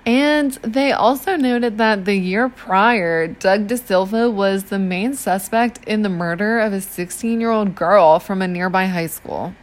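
Chatty woman narrating a true crime case. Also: mid-range voice. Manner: chatty, slangy, acts out police in quick asides. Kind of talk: casual storytelling chat.

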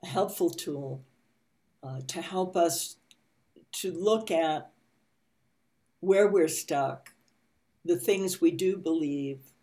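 A woman leading a spiritual study group, gently reading and teaching with pauses and soft fillers. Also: sits low. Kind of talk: slow meditative reading and teaching.

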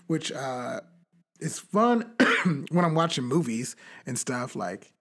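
Animated, rambling man in casual chat. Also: medium pitch, slow. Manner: animated, rambling, many fillers and restarts. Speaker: podcast co-host.

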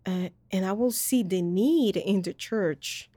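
Speaking slowly with a warm, medium-pitched voice and no room sound, a podcast host from Colombia shares her faith testimony conversationally. She's earnest and rambling, leaning on many fillers.

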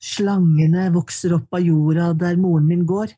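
A woman reading her poetry aloud in slow, measured lines, then answering questions in conversation. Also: lowish voice, fairly even intonation, warm tone, slightly rough. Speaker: poet and guest.

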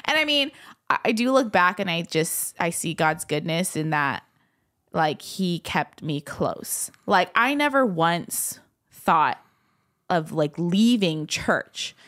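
Chatty woman with a lowish voice. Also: sing-song, slow pace, a bit bright. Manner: chatty, fills speech with "like". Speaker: podcast guest. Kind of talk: casual personal storytelling.

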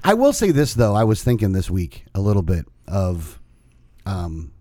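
A man's voice: low voice, huge pitch swings, moderate pace, dark tone, dry recording, clean studio sound. An American man talking casually as co-host of a podcast. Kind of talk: casual chat.

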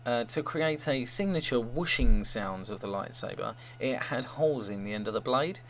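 A man presents an informal fan report as the show's host. His voice is mid-pitched for a man. A faint hum and some light noise sit in the recording. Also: expressive, normal speed, a bit bright.

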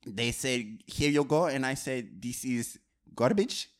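A man putting on a pompous, self-important movie director with a phony French air, who stumbles and repeats himself while boasting deadpan. His voice sits at an everyday middle pitch. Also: moderate pace, close to an everyday voice. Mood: deadpan boastful. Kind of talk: improvised comedy role-play.

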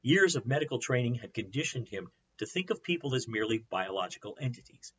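A man preaching as a pastor, teaching in an earnest, measured way with rhetorical questions. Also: medium pitch, animated, fairly bright tone, slightly rough, highs cut off. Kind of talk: sermon.

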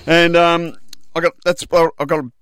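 A man's voice: fairly high pitch, little pitch movement, moderate pace, fairly bright tone, clear, resonant tone, dry recording. A man with an Australian accent, co-hosting a casual chat show in a dry, matey, ribbing way. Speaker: radio show co-host.

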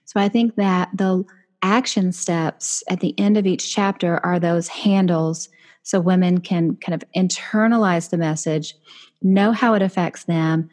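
A woman author and business coach talking casually in an interview, chatty and animated, jumping into high voices for quoted thoughts. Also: measured pace.

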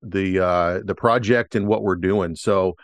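Low-voiced, joking podcast host man. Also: fairly even intonation, a little slow, no room sound. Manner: upbeat, joking, many "uh" fillers. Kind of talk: casual podcast interview.

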